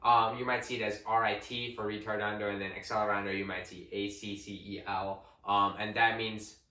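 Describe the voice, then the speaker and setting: Young male co-host, bright tone, casual teaching, echoey room. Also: on the low side, fairly quick, recorded from a distance. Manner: relaxed, conversational, with fillers. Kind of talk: casual explanatory lesson. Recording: roomy echo, away from the mic.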